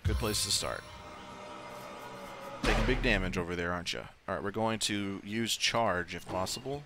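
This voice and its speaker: A man's voice: on the low side, normal speed, over loud music. A man giving casual let's-play commentary, thinking aloud and swearing offhandedly. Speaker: gaming video host. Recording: faint game sound behind voice. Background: video game ambience.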